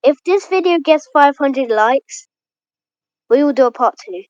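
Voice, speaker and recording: High-pitched woman co-host, pushy, repeats lines; dry, dull lo-fi sound. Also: expressive, measured pace, darkish tone, no echo. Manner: insistent, repeats herself. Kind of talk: casual reaction chat.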